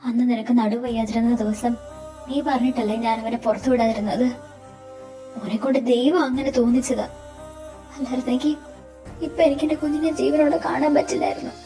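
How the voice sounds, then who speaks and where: A woman's voice: fairly high pitch, fairly even intonation, a little fast, pauses often, dark tone, natural voice. A woman playing a worried, devout mother. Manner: emotional, worried. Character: anxious, devout middle-aged mother. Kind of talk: fan audio drama acting. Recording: distant recording over background music.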